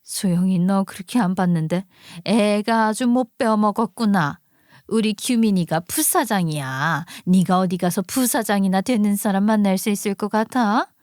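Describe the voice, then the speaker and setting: A woman's voice: mid-range voice, moderate pace, darkish tone, dry recording, close to an everyday voice. Woman playing a condescending older mother-in-law, nagging, audio drama, dry close mic. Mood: indignant. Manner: nagging, condescending, exclamatory scolding. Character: overbearing older prospective mother-in-law, haughty and scolding. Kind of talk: audio story drama reading.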